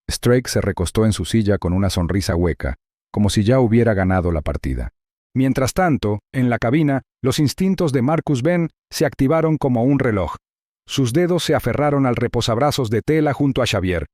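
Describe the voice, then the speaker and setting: Male narrator, mid pitch, mellow and dry, measured suspense reading. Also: dry recording. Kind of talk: scripted narration.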